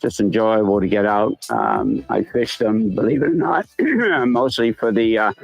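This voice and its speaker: A middle-aged man from Cape Cod, an easygoing kayak angler talking slowly with lots of pauses. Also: fairly low pitch, expressive, creaky, no echo, low-quality recording. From Cape Cod, Massachusetts. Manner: easygoing, unhurried, many pauses. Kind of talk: relaxed interview talk.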